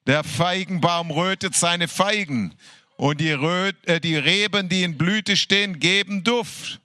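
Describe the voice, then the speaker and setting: A man in a worship service reading scripture with fervour, slowly drawing out his words and breaking into hallelujahs and laughter. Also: sits high, bright, forceful tone, dry recording, studio quality. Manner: fervent, exclaiming hallelujahs, laughing between verses; slow, drawn-out delivery. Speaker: worship leader.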